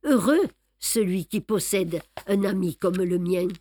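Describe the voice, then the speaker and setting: Here a woman reads aloud for an audiobook in clean studio sound with no echo, her mid-range voice a little slow. Taking on the part of a fussy, smug older male detective, she boastfully explains his clever schemes with lively emphasis and a reassuring feel.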